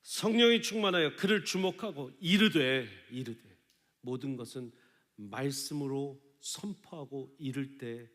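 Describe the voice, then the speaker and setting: A man preaching a live Sunday sermon as pastor, animated and acting out quoted voices. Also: medium pitch, measured pace. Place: church sanctuary. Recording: live sermon in a large reverberant sanctuary.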